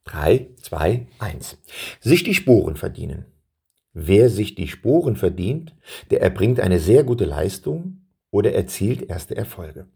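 A man narrates a children's story and speaks straight to his young listeners. His low voice is gravelly and husky. His pitch swings widely as he reads. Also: slow pace. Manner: lively, addresses listeners directly.

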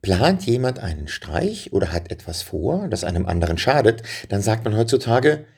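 Gravelly man reading a children's story. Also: on the low side, moderate pace. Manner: lively, dramatic read-aloud with hushed passages.

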